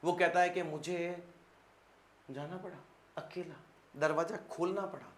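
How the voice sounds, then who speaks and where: A man's voice: a little high, fairly even intonation, unhurried, a bit bright. A man from Rajasthan with a Marwari-tinged accent, teaching a bilingual lesson in a dramatic storytelling manner and talking straight to his students. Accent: Marwari-tinged Hindi. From Rajasthan, India. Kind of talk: animated bilingual lesson explanation. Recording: echoey room.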